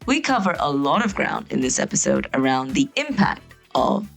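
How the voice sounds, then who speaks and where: A woman hosts a podcast interview with a very low, gravelly voice. She talks enthusiastically, filling her pauses with ums and uhs. Faint music plays behind her. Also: big pitch swings. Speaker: podcast host. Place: indoor venue in London.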